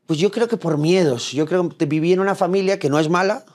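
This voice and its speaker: A man's voice: sits high, a little fast, darkish tone. A young adult man from Spain with a Madrid accent, answering interview questions about dating in an earnest, storytelling way. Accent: Madrid Spanish. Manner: earnest, storytelling, frequent restarts. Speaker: dating coach guest. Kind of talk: interview conversation.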